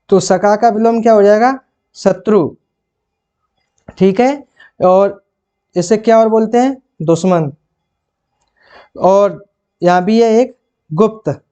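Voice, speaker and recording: A man teaching for a Hindi exam. He asks questions and answers them himself, and repeats and rereads phrases slowly. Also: high voice, dark tone. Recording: dull lo-fi sound.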